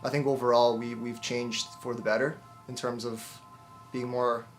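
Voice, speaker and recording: Relaxed man with a level voice. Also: medium pitch, moderate pace, soft background music. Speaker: band member. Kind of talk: casual interview answer.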